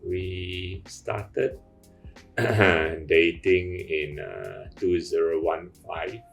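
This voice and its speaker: A man in his fifties answering interview questions hesitantly, with pauses and fillers. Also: low voice, lively intonation, creaky, faint music behind. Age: 50s.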